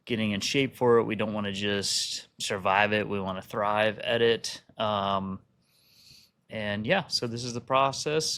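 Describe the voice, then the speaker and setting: A man's voice: medium pitch, a bit bright. A man co-hosting a casual podcast, playful and teasing toward his co-host. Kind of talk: casual chat.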